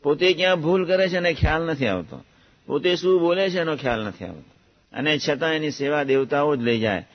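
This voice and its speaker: A man's voice: on the high side, animated, a little fast. Man giving a devotional talk, muffled. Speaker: religious speaker recounting a guru's teachings. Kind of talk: devotional discourse. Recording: muffled lo-fi recording.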